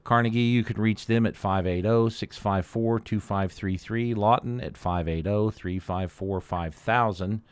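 A man hosting a community news update, giving semi-formal announcements in a deliberate, matter-of-fact way with frequent pauses. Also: fairly low pitch, smooth, dry recording.

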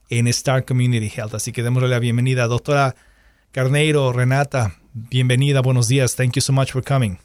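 A male host with a medium-pitched, slightly mellow voice reads a scripted introduction for a bilingual radio interview, then asks questions, alternating Spanish and English and repeating each one in both languages. The recording has no room sound.

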